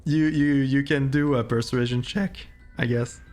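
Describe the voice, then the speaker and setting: A man improvising as game master of a tabletop roleplaying game, haltingly and repeating words as he goes. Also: mid-range voice, fairly even intonation, a little mellow, faint music behind.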